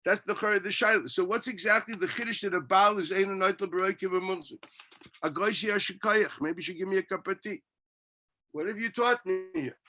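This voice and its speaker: A man's voice: high-pitched, sharp tone. A man gives a Talmud class as a rabbi, reading text and arguing through it with his own questions and answers.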